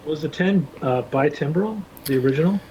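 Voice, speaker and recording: A man's voice: a little high, expressive, brisk, a loud crowd, poor audio. A man chiming in as a guest in a casual synth chat, with short remarks and questions. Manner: brief, questioning interjections.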